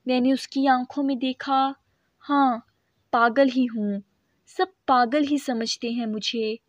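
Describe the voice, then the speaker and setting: A woman reading a moral story aloud as scripted narration, steady and earnest. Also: high-pitched, dry recording. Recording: dry, dull lo-fi sound.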